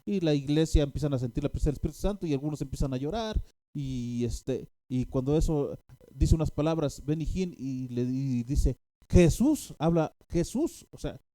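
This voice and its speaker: A man's voice: on the high side, moderate pace, warm tone, no room sound. A man preaching a sermon, telling a story with many restarts and fillers and bursts of animation.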